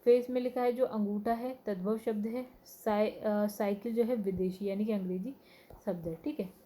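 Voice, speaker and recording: A woman teacher with a mellow, warm voice works through exam questions. She reads long lists of words in a steady rhythm and explains each answer plainly. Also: medium pitch, moderate pace, a little hiss or hum. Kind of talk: exam-prep lesson, reading questions and word lists.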